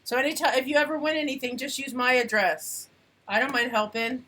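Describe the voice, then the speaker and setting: A woman's voice: high-pitched, brisk, fairly bright tone. A woman chatting casually on a live stream as she crafts, thinking aloud and trailing off mid-sentence.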